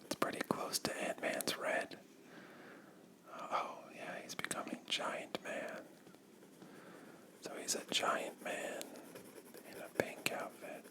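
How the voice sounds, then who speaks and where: Breathy asmr whisper right up on the mic, slow relaxed coloring chat, drifts off mid thought. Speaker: YouTuber with a coloring channel.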